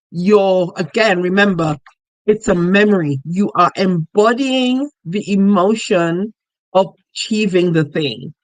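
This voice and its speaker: A woman coach talking in a casual, lively way with a medium voice. She acts out other people's voices as she tells stories. The sound is dry and close, with no room echo. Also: medium pitch. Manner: animated, acts out quoted voices; chatty, laughs while talking. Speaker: money mindset coach. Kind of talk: casual live teaching.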